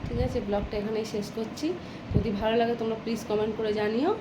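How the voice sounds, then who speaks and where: A woman's voice: fairly high pitch, steady tone, quick pace. A woman, chatting to viewers in a casual home vlog as she shows her shopping and cooking. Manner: chatty, addresses viewers as friends while showing things. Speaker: home vlogger. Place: home, kitchen. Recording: loud home background noise.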